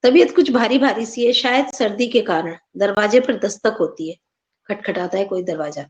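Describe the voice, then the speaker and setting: A woman's voice: medium pitch, normal speed. A woman teacher narrating a story and explaining its words to her class in a plain, conversational way.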